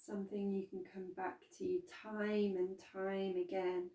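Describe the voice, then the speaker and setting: Speaking in a soft, dark, mid-range voice, the woman guides a grounding exercise with calm, unhurried instruction and gentle gaps between phrases. She teaches meditation and movement, and the sound is roomy and echoey, a little far from the mic.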